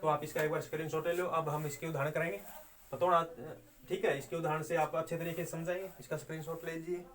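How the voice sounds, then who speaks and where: Patient, slightly high-voiced male Sanskrit teacher. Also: flat delivery, fast talker, fairly bright tone. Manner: patient explaining, counting syllables aloud and chanting verse lines. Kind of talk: online exam-prep lesson.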